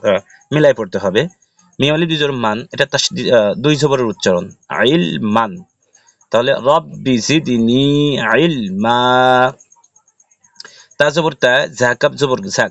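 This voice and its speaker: Male Quran tutor with a Bangladeshi accent, mid-pitched, dry close mic. Spells letters aloud, then chants each word. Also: fairly bright tone, dry recording. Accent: Bangladeshi Bengali. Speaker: Quran recitation teacher. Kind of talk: step-by-step spelling lesson.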